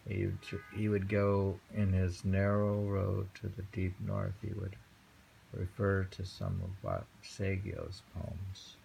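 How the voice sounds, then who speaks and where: At home in New York City on a rainy day, a man reads poems aloud and chats casually, musing with hums and chuckles as reader and host. His low, gravelly voice is warm and slow, and the rough recording has a little hiss or hum.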